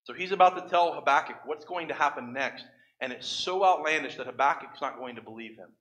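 A man preaching a sermon as pastor, animated, acting out quoted prayers and scripture. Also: mid-range voice, a little fast.

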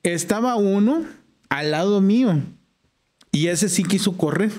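A man's voice: sits high, animated, a little slow, a little mellow. A man with a Mexican accent, a podcast guest telling a long personal story in casual slang and acting out the dialogue. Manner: slangy, acts out quoted dialogue.

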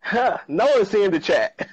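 A man's voice: high voice, slightly rough, dry recording. A man in his thirties with a Barbadian accent, speaking casually on a video call from a sunny patio, laughing often and repeating words for emphasis. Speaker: guest, trader and chef. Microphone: earphone mic on a video call. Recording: slightly muffled, dry video-call audio.

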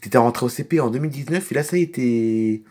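A man's voice: medium pitch, fast talker, a little mellow, husky, close to an everyday voice. A man voicing a chatty family dad in a toy film, rambling and repeating himself as he grumbles. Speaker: narrator and main figure of a toy film. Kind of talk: toy figure film role-play.

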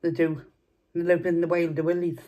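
A woman's voice: on the low side, little pitch movement, brisk, warm tone, muffled recording. A young woman, chatting casually while eating on camera and repeating herself as she rambles. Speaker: food vlogger. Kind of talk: casual mukbang chat.

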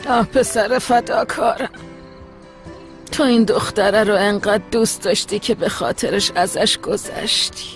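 A woman's voice: mid-range voice, steady tone, lightly acted. An actress dubbing a tender older grandmother consoling her grandson, in a TV drama dub. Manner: tender, soothing. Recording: dubbed voice over loud music.

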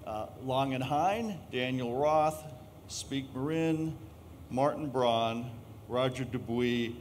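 A middle-aged man moderating a live panel discussion, speaking haltingly with many filler sounds and polling the audience. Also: medium pitch, a little hiss or hum.

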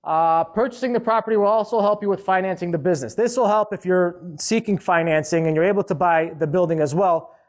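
High-voiced man giving a lively seminar talk. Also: quick pace, hardly any pauses. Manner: direct, conversational, emphatic repetition. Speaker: seminar speaker, restaurant owner. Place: conference hall.

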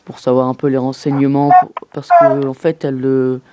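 A man making a casual inquiry over the phone, halting and earnest in his delivery. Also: medium pitch, fairly even intonation. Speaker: prank caller. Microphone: telephone call. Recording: noisy telephone prank recording.

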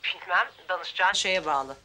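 A woman's voice: fairly low pitch, moderate pace, crowd noise, close to an everyday voice. An actress playing a chatty, teasing woman in a TV comedy drama. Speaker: Nurcan, the sister-in-law.

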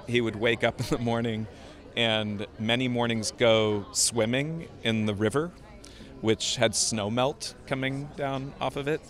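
A man giving a red carpet interview, thoughtful and emphatic, pausing to find his words. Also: lowish voice, a bit bright.

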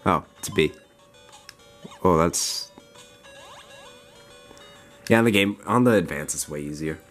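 A young man with a raspy, just-woken-up voice, rambling casually as a vlogger showing off his games. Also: deep voice, slow pace, fairly bright tone, faint music behind. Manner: rambling, loose, lots of "like". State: just woke up, groggy. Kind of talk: casual unboxing chat.

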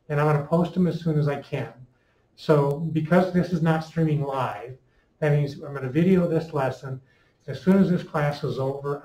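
A man gives an informal classroom lecture through a face mask. His voice is dark and relaxed, a little muffled by the cloth. It carries noticeable room echo, picked up by a microphone a few steps away. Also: medium pitch. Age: middle-aged. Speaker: high school calculus teacher. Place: indoor classroom in front of a chalkboard. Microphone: fixed microphone a few steps away.

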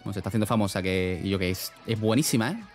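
A man's voice: lowish voice, racing, darkish tone. Young man, slangy streamer chat, faint music underneath. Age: young adult. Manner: rambling, slangy, laughs often. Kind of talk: casual chat reading live chat.

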